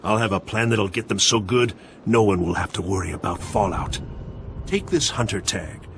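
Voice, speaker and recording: A man voicing a wary male bounty hunter, defensive and gruff as he talks his way out of trouble. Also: fairly low pitch, normal speed, background noise, lightly acted.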